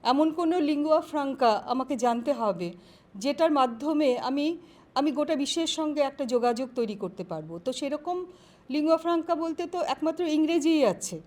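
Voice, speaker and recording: A woman professor answering interview questions on careers in a measured, explanatory way, pausing often to find her words. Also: high voice, expressive, a little mellow. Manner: measured, explanatory, with frequent pauses and fillers.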